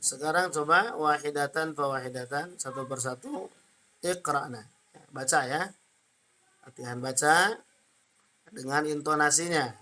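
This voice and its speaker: A man's voice: a little high, measured pace, long pauses, sharp tone. A man with an Indonesian accent teaching an Arabic grammar class, explaining patiently step by step and checking in often.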